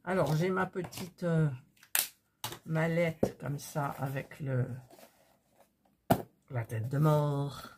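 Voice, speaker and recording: A woman's voice: deep voice, fairly even intonation, slow pace, pauses often, background noise. A woman hosting her craft channel, chatting casually as she works at her desk, often breaking off mid-sentence and getting flustered. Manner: chatty, self-interrupting, easily flustered. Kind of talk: casual chat while crafting. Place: home desk.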